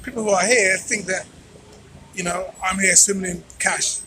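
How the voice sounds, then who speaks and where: A man's voice: high-pitched, fairly even intonation, moderate pace, noisy background. A man vlogging informally to his viewers, speaking emphatically like a preacher and repeating phrases for effect. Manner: emphatic, preacher-like address with rhetorical repetition. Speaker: vlogger and channel host. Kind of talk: informal motivational monologue to viewers. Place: out on a street at night.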